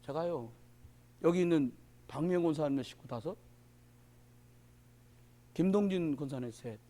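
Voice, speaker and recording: A male pastor preaching at a church prayer meeting in a colloquial, joking way, swinging between loud exclamations and quiet asides. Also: fairly high pitch, moderate pace.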